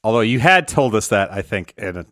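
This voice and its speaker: A man's voice: on the low side, expressive, fairly bright tone, no room sound, studio quality. A man co-hosting a podcast, chatting casually and laughing often. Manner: giggly, quick to laugh. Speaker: podcast co-host.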